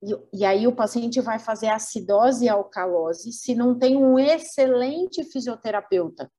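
A woman's voice: fairly high pitch, unhurried, dark tone. A woman with a Brazilian Portuguese accent giving a webinar lecture, teaching through rhetorical questions and acting out organs.

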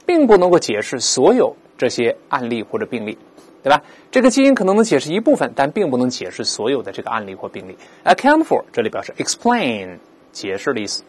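This man runs an English vocabulary lesson, using rhetorical questions to explain words and then saying them slowly so listeners can practice pronunciation. His voice sits in the mid-range with a slightly rough texture.

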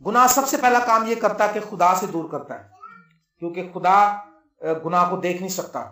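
A man's voice: high-pitched, bright, forceful tone, reverberant. A male pastor preaching a sermon, telling the story and acting out the dialogue. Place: church.

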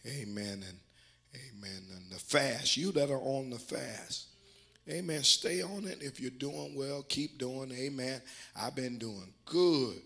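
A man's voice: medium pitch, slow, creaky, fairly bright tone, husky. Older man, church bishop, sermon, folksy, emphatic, frequent amens, faint music behind. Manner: folksy preaching with constant amens, building to emphatic exhortation. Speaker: bishop and pastor. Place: church sanctuary.

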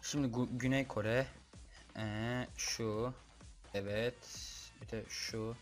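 A man's voice: mid-range voice, steady tone, slow, faint music behind. A young man giving casual gaming commentary, muttering to himself as he works through a puzzle and breaking into frustrated outbursts. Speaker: gaming YouTuber. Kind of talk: casual Minecraft gameplay commentary.

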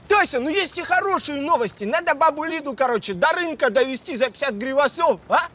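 A squeaky-high cartoon street hustler. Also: male voice, animated, fast talker, bright, forceful tone, heavily acted. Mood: sheepish, wheedling. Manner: slangy, wheedling, mock-dignified. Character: wily young street hustler taxi driver, smooth-talking, chummy. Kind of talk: animated comedy dialogue.

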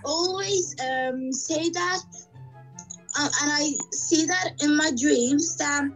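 A young woman gushing excitedly to strangers over a video chat. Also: sits high, takes it slowly, soft background music, poor audio.

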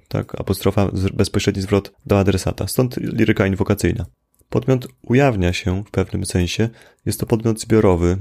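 A man's voice: lowish voice, vocal fry, darkish tone. A young man casually explaining a poem in an informal literature lesson, hesitating often as he talks. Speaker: poetry explainer.

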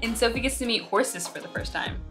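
A woman's voice: on the high side, brisk, music in the background. A young woman chatting casually to camera beside her partner in a bedroom, laughing easily and stretching her words. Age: young adult. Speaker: vlogger co-host. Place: bedroom, indoors. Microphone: camera held close at arm's length.

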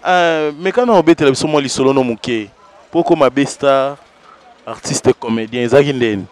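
A man, the interviewer in a casual chat. He puts quick, teasing questions to his guest. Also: medium pitch, darkish tone.

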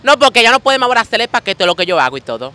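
A woman's voice: on the high side, big pitch swings, very fast, bright, forceful tone. A woman with a Dominican accent, talking flamboyantly in a casual street interview and calling everyone "mi amor".

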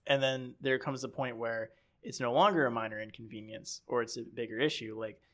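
A man's voice: mid-range voice, fairly even intonation, fairly quick, a bit bright. Easygoing man chatting on a podcast. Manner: rambling, acts out quoted people. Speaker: podcast co-host. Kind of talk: casual podcast chat.

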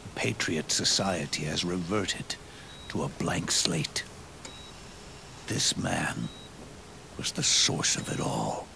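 Voicing an aging, scarred, tired old soldier for a game cutscene, an older man gives a heavily acted, sharp-toned performance in a deep, breathy, gravelly growl. His delivery is slow, halting, solemn, grave and reflective, with orchestral music and a faint hiss or hum in the background.

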